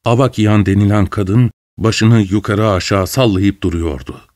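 A man narrating a story in a calm, measured reading voice. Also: fairly low pitch, no room sound, clean studio sound.

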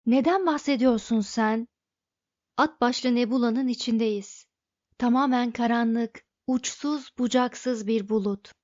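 A woman's voice: on the high side, slow, a little mellow, no room sound, muffled recording. A woman voicing a skeptical, sarcastic male space traveler. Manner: sarcastic, grumbling.

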